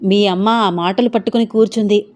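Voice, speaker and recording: A woman's voice: medium pitch, fairly even intonation, fairly quick, darkish tone, natural voice. A woman voicing a bossy older aunt who commands and explains family matters in a storybook reading. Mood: commanding.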